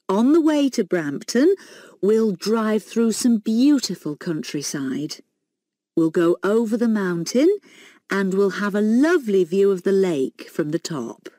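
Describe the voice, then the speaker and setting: A woman playing a friendly, organised tour guide, speaking in a measured, scripted way for a listening exercise. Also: fairly low pitch, dark tone, no echo, studio quality, heavily acted. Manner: measured, clearly phrased announcing. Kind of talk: scripted listening-test monologue.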